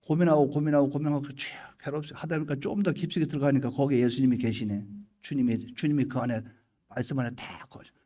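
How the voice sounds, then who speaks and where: A middle-aged man preaching a sermon as pastor, moving between hushed prayer and loud questions to the congregation, acting out little scenes in his own voice. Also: medium pitch, steady tone, fast talker.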